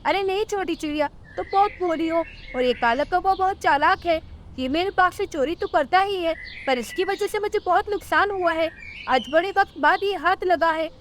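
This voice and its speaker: Stern parrot orchard guard voiced by a woman, scolding, very high pitch, cartoon. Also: normal speed, fairly bright tone, slight background noise. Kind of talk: cartoon storytelling.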